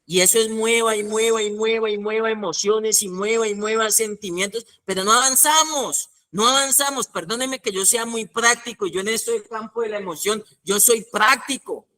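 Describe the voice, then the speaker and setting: A man preaching a teaching sermon, animated, acting out little scenes and asking his listeners questions. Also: high-pitched, normal speed, hardly any pauses. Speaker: pastor.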